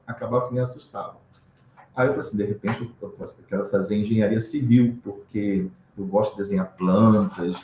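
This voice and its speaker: A man's voice: lowish voice, darkish tone. A man from Brazil, an English teacher, explaining in a casual interview, often acting out pronunciations and adding tag questions. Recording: roomy echo with faint background noise.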